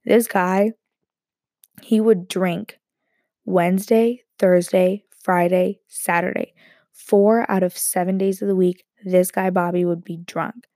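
A young woman with a lowish voice tells a personal story slowly, rambling and joking, animated and interrupting herself with funny asides. She's fighting a cold, so she sounds throaty. The recording is clean studio audio with no room sound.

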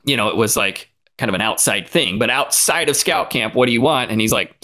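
A man's voice: mid-range voice, lively intonation, fairly quick, bright, forceful tone. Male podcast co-host, mid-range voice, loose rambling delivery. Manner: rambling storyteller with many restarts and fillers. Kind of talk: casual chat.

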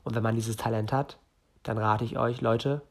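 A man's voice: mid-range voice, steady tone, moderate pace, vocal fry. A man in his late twenties from northern Germany, hosting a solo podcast and giving listeners direct career and startup advice. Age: 20s. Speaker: podcast host.

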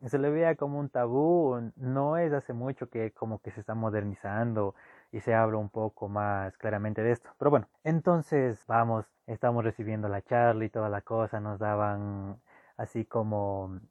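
Young man, animated anecdote teller; dry, muffled lo-fi take. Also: fairly low pitch, moderate pace, dry recording. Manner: animated, swings between loud bursts and hushed asides. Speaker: storyteller. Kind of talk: casual personal anecdote. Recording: dull lo-fi dry recording.

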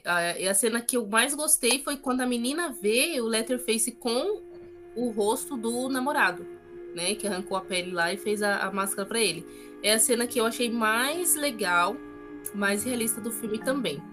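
A woman co-host chats through a movie review in a relaxed, rambling way. Her voice sits a little high. A clear music bed plays under her words. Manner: chatty, drawn-out summarizing with fillers. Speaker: podcast co-host. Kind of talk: casual movie review chat.

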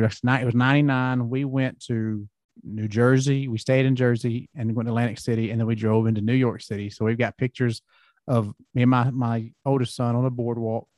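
A middle-aged man with a country Southern accent rambles through easygoing stories as the host of a casual interview. His voice sits low and sounds dry and close, with nothing bouncing around it. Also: flat delivery, a little fast, darkish tone, dry recording. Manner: folksy, rambling storyteller. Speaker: podcast host.

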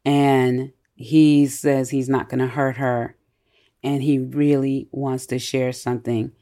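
A podcast co-host in a casual book discussion, retelling the story in an animated way with many fillers and frequent laughter. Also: medium pitch, slow. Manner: laughs often while retelling.

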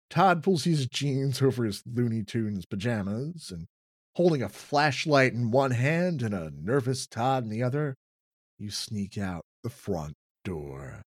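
A man reads a children's horror gamebook aloud, drawing out the words for suspense. His pitch moves in a lively way, his pace is slow, and the sound is dry and close. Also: no echo. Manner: dramatic, drawn-out storytelling. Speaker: reader.

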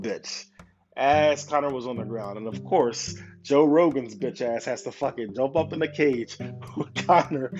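A man giving a casual, profane rant about a fight, swearing constantly and firing questions at his viewers. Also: medium pitch. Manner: swears constantly, animated, asks the audience questions. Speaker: commentator on fights. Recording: dull lo-fi sound with loud guitar music.

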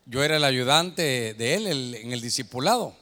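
A man, a pastor preaching a sermon, telling a story and acting out the voices and shouts of others. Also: mid-range voice, animated, moderate pace. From Guatemala. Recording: echoey hall reverb.

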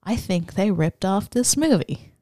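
A woman's voice: mid-range voice, animated, unhurried, mellow, dry recording, clean studio sound. A woman co-hosting a podcast, retelling a movie's plot in casual chat with playful quoted voices and frequent laughter. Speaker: podcast co-host.

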